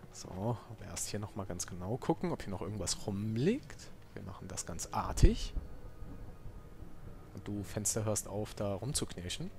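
Joking lively-voiced gamer man. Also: on the low side, unhurried, creaky, pauses often, background noise. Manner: joking, sarcastic asides. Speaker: let's player. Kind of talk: casual gameplay commentary.

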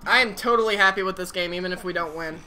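A woman's voice: on the low side, quick pace, a little hiss or hum. Chatty woman streaming a shooter game. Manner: chatty, excitable, swears freely. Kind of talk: casual live gaming commentary. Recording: game sounds clearly behind voice.

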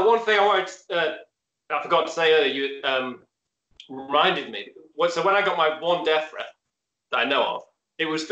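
Bright-voiced Northern English man, echoey room. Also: fairly high pitch. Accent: Northern English (Hull). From Hull, North of England. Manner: rambling, hesitant, laughs at himself. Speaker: host. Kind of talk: casual conversation. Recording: roomy echoey recording.

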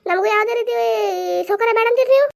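Woman doing a shrill nagging cartoon village wife. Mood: complaining. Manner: nagging, complaining, quick scolding. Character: scolding village wife of a drunkard, middle-aged. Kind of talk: cartoon comedy voice acting.

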